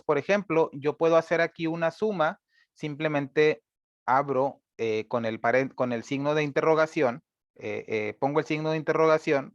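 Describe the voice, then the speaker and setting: A man teaching a screen-recorded programming lesson, patient and step by step, filling pauses with "eh" and checking in with "¿verdad?". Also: on the high side, no echo, muffled recording. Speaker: instructor.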